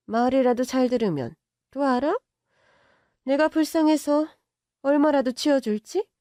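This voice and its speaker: A woman's voice: high-pitched, a little slow, warm tone, no echo, studio quality, pitched above the performer's own voice. A woman voicing a haughty, contemptuous middle-aged mother-in-law who scolds and belittles in a story drama. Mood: scornful. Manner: sneering, bossy, scolding in banmal. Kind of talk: audio drama story reading.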